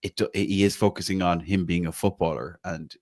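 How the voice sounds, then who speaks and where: Deep, steady and darkish, the voice of an Irish podcast host moves briskly through casual football talk. He uses "like" a lot and lets the odd swear word slip.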